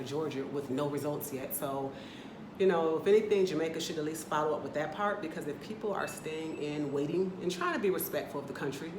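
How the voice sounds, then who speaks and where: Recording a laid-back travel vlog in her rental apartment, this woman from the Atlanta area of the US talks with an American accent in a low voice. The room echoes and there's noise behind her, and she's chatty and candid, rambling through run-on asides.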